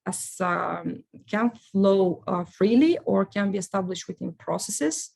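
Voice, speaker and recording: Halting woman, vocal fry. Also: medium pitch, animated, a little mellow, poor audio. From Bulgaria. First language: Bulgarian. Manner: halting, searching for words, explanatory. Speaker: business analyst. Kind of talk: conference lecture.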